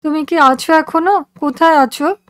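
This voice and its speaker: A woman voicing a sixty-year-old retiring woman who speaks in a hushed, trembling way. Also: sits high, moderate pace, no room sound, clean studio sound. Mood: wistful.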